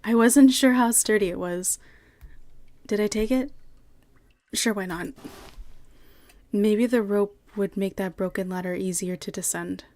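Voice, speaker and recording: A woman's voice: mid-range voice, steady tone, darkish tone, no room sound. Woman streamer reading game text aloud. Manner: measured reading, answers chat in quick asides.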